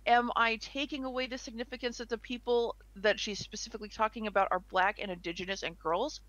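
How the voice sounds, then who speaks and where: A woman's voice: on the high side, steady tone, quick pace, a bit bright, dry recording, low-quality recording. A young woman co-hosting a casual podcast chat, chatty and giggly, rambling with restarts. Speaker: co-host.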